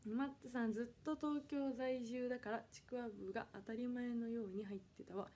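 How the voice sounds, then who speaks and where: Young woman, high voice, mellow tone, polite livestream chat, reads comments aloud, faint background noise. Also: fairly even intonation, a little fast. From Kanagawa, Japan. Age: 20s. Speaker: idol audition livestreamer. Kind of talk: casual solo livestream chat. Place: her home, indoors.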